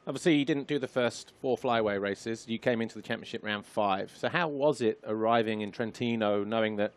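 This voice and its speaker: A man's voice: fairly low pitch, fairly quick. A man presenting a studio interview show, asking long, winding questions in a chatty way.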